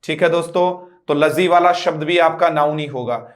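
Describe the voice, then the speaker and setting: At a normal speed and a slightly high pitch, a man teaches English in an online class lecture. He spells words out letter by letter and has students repeat them, repeating words and posing rhetorical questions to quiz the audience.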